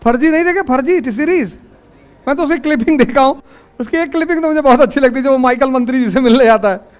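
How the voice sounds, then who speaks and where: A man's voice: extremely high pitch, quick pace. A man teaching a class, giving a motivational lecture full of stories and rhetorical questions, firm when he lays down rules. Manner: storytelling, wry, with rhetorical questions.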